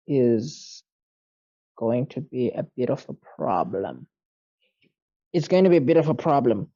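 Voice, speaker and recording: A man tutoring maths, working through an exam paper out loud in a casual way, muttering to himself and sounding tired late at night. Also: a little high, gravelly, highs cut off.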